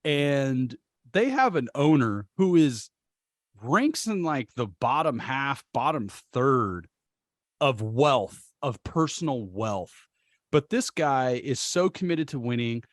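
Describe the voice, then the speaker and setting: A man's voice: mid-range voice, big pitch swings, slow pace, dry recording. Guy ranting on a sports podcast, cussing, dead dry sound. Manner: impassioned, swears, rants. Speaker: podcast co-host. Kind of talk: casual sports chat.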